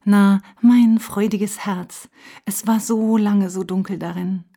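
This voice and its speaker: A small storybook boy, earnest and heartfelt, a touch higher than the narrator, as a woman reads him. He speaks slowly, choosing sincere words. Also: steady tone, mellow. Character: small human boy, shy then glad.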